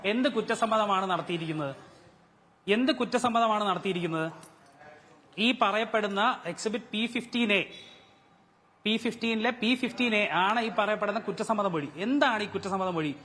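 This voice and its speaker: Malayali man, defence lawyer in a TV debate; high-pitched, insistent, hammering rhetorical questions; reverberant remote line with faint hiss. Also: normal speed, pushed and bright. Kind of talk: heated TV debate argument.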